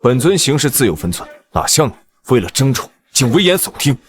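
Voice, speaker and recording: Brief: actor as a haughty middle-aged sect master, swinging wildly in pitch as he scolds. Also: sing-song, a little fast, close to an everyday voice. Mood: angry denial. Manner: commanding, angry outbursts. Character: proud, stubborn middle-aged male sect master, quick-tempered. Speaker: sect leader father. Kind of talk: dubbed costume drama acting.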